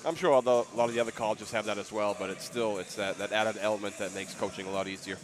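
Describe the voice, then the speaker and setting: A man who coaches at the college, joining the broadcast courtside as guest commentator, talking haltingly and repeating words. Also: lowish voice, steady tone, poor audio. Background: music.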